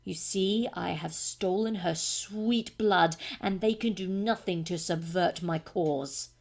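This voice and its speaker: A woman playing a proud, hunted vampire count in a slow, brooding, theatrical monologue. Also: fairly low pitch, creaky, exaggerated voice. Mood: menacing.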